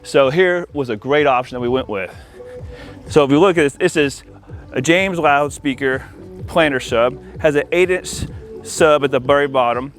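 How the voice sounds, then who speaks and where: This is a backyard product demo with music behind it, hosted by an audio-video installer for his company's channel. He speaks at medium pitch and normal speed, addressing viewers in a relaxed, conversational way.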